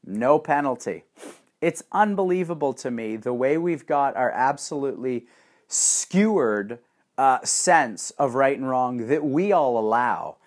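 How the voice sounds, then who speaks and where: A man delivering a profane, sarcastic ranting monologue with animated swings in energy. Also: medium pitch, a little slow.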